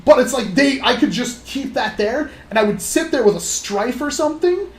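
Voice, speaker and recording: A woman telling stories on a casual livestream in an animated, rambling way, acting out other people's voices. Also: fairly high pitch, normal speed. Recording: roomy echo.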